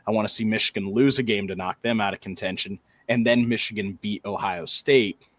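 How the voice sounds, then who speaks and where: A man's voice: fairly low pitch, brisk, a bit bright, no echo. A man co-hosting a casual college football talk show, steadily laying out playoff scenarios point by point. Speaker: sports podcast co-host.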